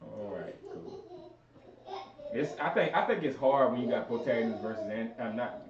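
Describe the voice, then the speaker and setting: A man's voice: mid-range voice, lively intonation, normal speed. A man hosts a casual podcast debate in loose, slangy banter and breaks into laughter often. He sits back from the mic in an echoey room, and the sound is dull and muffled. Faint noise sits underneath. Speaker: podcast host running the bracket. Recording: roomy, distant, dull sound.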